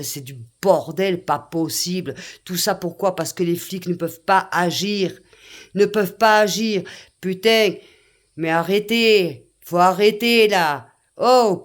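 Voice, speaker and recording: An older woman, ranting indignantly to her viewers, full of exclamations and repeated phrases. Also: fairly low pitch. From France. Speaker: vlogger. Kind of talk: angry rant to camera.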